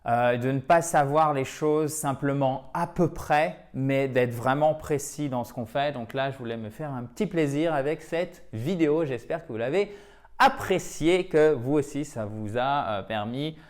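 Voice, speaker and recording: Guy teaching english in french on video, lively, keeps asking ok?. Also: mid-range voice, a little slow. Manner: lively, keeps checking understanding with "ok?" and "d'accord?". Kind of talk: video lesson explaining English words in French.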